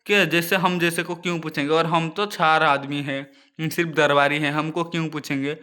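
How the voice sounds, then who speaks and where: A man's voice: fairly high pitch, level tone, normal speed, pushed and bright, clear, resonant tone. A man voicing a scheming, resentful male courtier in a children's story, grumbling his complaint. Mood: sulky, resentful.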